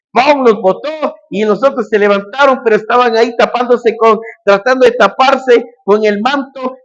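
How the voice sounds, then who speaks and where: A man's voice: very high-pitched, fairly bright tone. A man preaching a sermon, retelling a Bible story with acted quotes and sound words. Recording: dull lo-fi recording.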